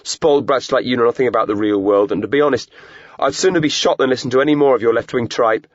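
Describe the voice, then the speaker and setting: A man's voice: medium pitch, quick pace, dry recording, dull audio, voice pushed up, close to an everyday voice. A man voicing an angry, defiant middle-aged male businessman who snarls his words dismissively.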